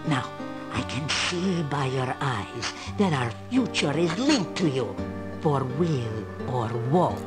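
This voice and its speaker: Old female fortune teller, video game character, slow solemn delivery, sweeping intonation, mysterious, proud. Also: a bass voice, expressive, over music, exaggerated voice.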